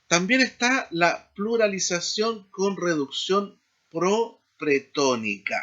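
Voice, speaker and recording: A man teaching a seminary class in a slow explanatory lecture, often checking in with tag questions. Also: mid-range voice, pushed and bright, lo-fi sound. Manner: frequent tag questions, deliberate pacing.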